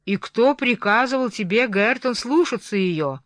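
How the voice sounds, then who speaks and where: A reader voicing a harsh, furious middle-aged master of the house who shouts threats, in a storybook reading. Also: medium pitch, lively intonation, a little slow, dry recording, clean studio sound, pitched above the performer's own voice.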